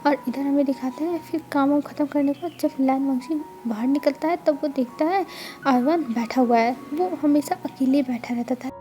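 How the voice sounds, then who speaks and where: A woman casually narrating a fanfiction story in a chatty, explanatory way, pausing often. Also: sits high, warm tone.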